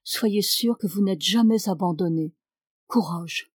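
A woman reading the part of a calm, wise nobleman who speaks softly and gently. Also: mid-range voice, a little slow, slightly rough, no room sound. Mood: gentle. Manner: soft, gentle delivery.

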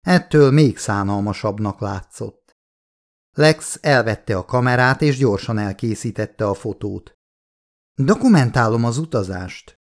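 A man with a lowish voice narrates a novel as an audiobook, telling the story in a steady, measured way.

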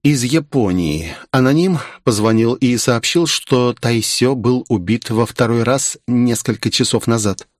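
A man reading an audiobook voices a detached, robotic young servant who talks flatly and slowly. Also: mid-range voice, no echo, studio quality, lightly acted. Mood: dutiful. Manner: flat and detached, slow. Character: cold, robotic young man turning manic.

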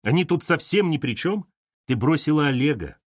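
A man's voice: on the high side, expressive, normal speed, husky, no echo, clean studio sound, voice pushed up. A man reading an audiobook, voicing a stern, commanding older mother who lectures her daughter. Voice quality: stern, authoritative.

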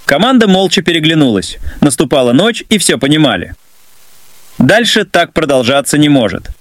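A man narrating a dramatic story in an expressive way. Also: a little high, moderate pace, no room sound.

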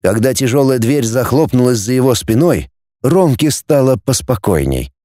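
A male narrator reads an audiobook with expressive storytelling. His voice is dark and mellow, and his pitch moves a great deal. The recording is close and dry. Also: normal speed, dry recording.

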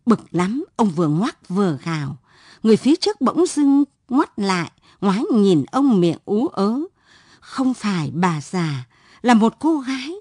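A woman reads a story aloud, dramatic and expressive. Her pitch moves widely, her voice is husky, and the recording is dry and close. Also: unhurried, no room sound. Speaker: narrator. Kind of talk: storybook narration.

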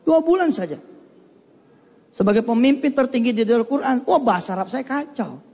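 Man, light comic preacher who plays every part in his anecdotes, high pitch, long reverb. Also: animated, brisk, darkish tone. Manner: acts out little dialogues, switching voices. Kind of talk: humorous religious talk to an audience.

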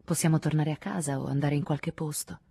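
A woman's voice: sits low, fairly even intonation, fairly quick, creaky, warm tone, breathy edge, no echo, exaggerated voice. A woman reading the part of a tired, brooding man in an audiobook, answering in terse, curt replies.

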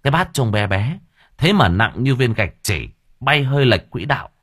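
A man narrating an audio story in a vivid, expressive way. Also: medium pitch, moderate pace, husky.

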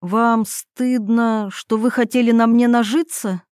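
A woman's voice: fairly high pitch, steady tone, a little slow, a little mellow, no room sound, clean studio sound, natural voice. A woman reading a novel aloud, voicing an exhausted woman lost in a forest who pleads and questions. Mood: puzzled. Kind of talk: audiobook character reading.

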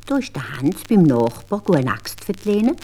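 A woman with a Swiss German accent telling a fairy tale in an expressive, animated way. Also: deep voice, moderate pace, slight background noise. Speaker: storyteller.

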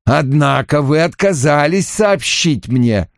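An imperious detective, dry and commanding, unhurried and slightly gravelly, as a male narrator reads him. Close and dry, with a lively rise and fall. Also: on the high side, dry recording, pitched above the performer's own voice, full character voice.

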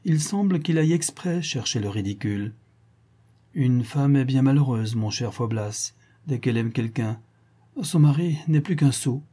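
A man's voice: mid-range voice, animated, normal speed, mellow, slightly rough. A man reading an audiobook and voicing a playful, coquettish aristocratic lady who teases her young lover. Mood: amused. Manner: playful, coquettish, lightly mocking. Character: teasing amorous aristocratic lady, older lover.

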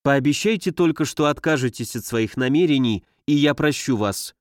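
A man's voice: mid-range voice, animated, normal speed, no room sound, clean studio sound, natural voice. A male reader voicing a frightened young married lady in a read-aloud novel, pleading and agitated. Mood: cool reproachful.

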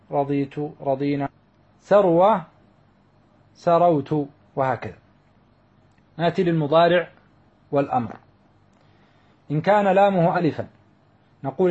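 A man's voice: on the high side, darkish tone, breathy edge, muffled recording. A man teaching a grammar lesson, explaining step by step and drawing out the example words.

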